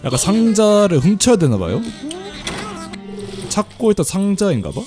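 Male game streamer, animated delivery, chatty and laughing, faint game music behind. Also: sits high, moderate pace. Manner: chatty, laughs often, reads game text aloud. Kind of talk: casual let's play commentary.

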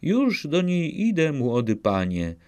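A man's voice: on the high side, wildly swooping pitch, slow, a little mellow, clean tone, pitched above the performer's own voice, heavily acted. A man voicing a young female cat, a chatty maidservant, speaking in sing-song rhyming replies in a storybook reading. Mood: eager.

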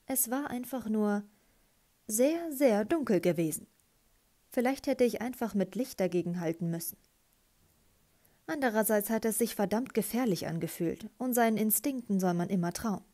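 Woman reading a lively first-person audiobook. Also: mid-range voice, normal speed. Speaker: audiobook reader.

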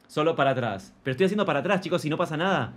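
A man with an Argentine accent streaming a video game, talking to his chat in an excitable, shouting way and speaking of himself in the feminine. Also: fairly high pitch, rapid-fire. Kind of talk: live gameplay commentary. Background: loud game music.

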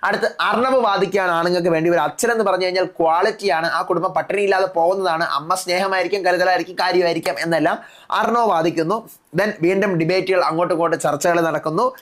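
Rapid-fire man recapping a TV episode. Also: sits high, fairly bright tone. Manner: retells the contestants' lines in quick succession. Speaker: TV show reviewer. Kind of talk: fast episode recap in casual speech.

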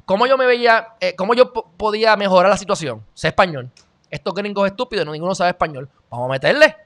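A man's voice: high-pitched, expressive, quick pace, fairly bright tone. A man with a Puerto Rican accent hosting an opinionated commentary monologue, blunt and lecturing. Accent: Puerto Rican Spanish. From Puerto Rico. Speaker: commentary show host.

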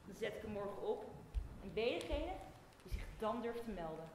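A woman's voice: mid-range voice, sing-song, brisk, lightly acted. A teenage girl in a school play voicing an insistent male Greek warrior who demands a token. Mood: demanding. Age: late teens. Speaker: student actor. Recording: echoey hall, faint noise.

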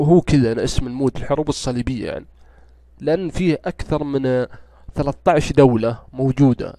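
A gaming YouTuber with a Saudi Gulf Arabic accent rambles and grumbles through casual gameplay commentary, his nose stuffed up and congested from a cold. His voice is medium in pitch and warm, with no echo.

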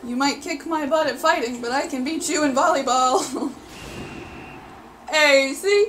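A woman reacting live to her gameplay, excitably pleading and yelling at the screen, with faint game music behind her. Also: sits high, measured pace, slight background noise. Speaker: gameplay video host. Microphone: desk mic.

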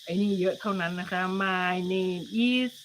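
A woman's voice: lowish voice, slow, slight background noise. A woman hosting a livestream, chatting casually and telling stories in a rambling way. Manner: rambling, chatty storytelling, reads viewer comments aloud. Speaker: livestream host.

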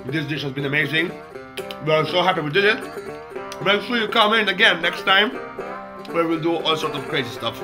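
Man, 30s, goofy cooking show host, small kitchen, loud music under the voice. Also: a little high, expressive, fairly quick, long pauses. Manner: playful, theatrical, bursts of shouting. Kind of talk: jokey cooking show banter.

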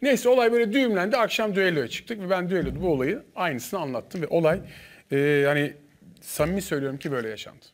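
A man guest on a studio panel, telling a lively story and acting out the dialogue. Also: high voice, fast. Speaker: guest, former contestant.

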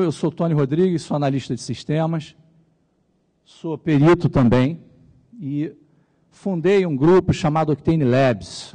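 A middle-aged man from Rio de Janeiro with a Carioca accent gives a technical conference talk on stage, relaxed and jokey, asking and answering his own questions. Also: on the high side. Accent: Carioca Brazilian Portuguese. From Rio de Janeiro, Brazil. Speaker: conference speaker. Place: large conference hall stage. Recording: reverberant large hall.

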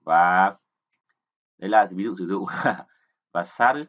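A man's voice: fairly low pitch, moderate pace, fairly bright tone. A man teaching kanji, patiently explaining and repeating words, often checking with learners. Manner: keeps asking "right?" to check learners. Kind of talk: explanatory lesson.

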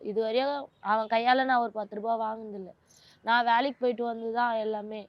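A woman's voice: a little high, level tone, brisk, no room sound, dull audio. A woman, a mother of two, speaks in an emotional interview in a pleading, aggrieved and insistent way.

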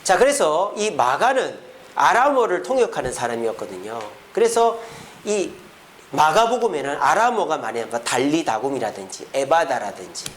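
Middle-aged male pastor, high voice, very lively pitch, sermon in a church, acting out quoted parents and kids, faint room noise. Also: normal speed.

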